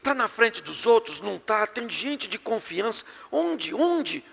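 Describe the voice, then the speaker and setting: A middle-aged Brazilian pastor preaching an animated, joking sermon to a live congregation. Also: male voice, high voice, normal speed, gravelly. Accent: Brazilian Portuguese. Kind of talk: sermon on marriage and communication. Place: church hall before a live congregation. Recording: long hall reverb.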